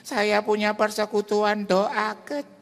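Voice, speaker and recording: A man voicing a persistent elderly widow of about eighty who talks slowly and pleadingly, in an echoey church hall. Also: high-pitched, little pitch movement, creaky, fairly bright tone, pitched above the performer's own voice, heavily acted. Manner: slow, drawn-out pleading speech.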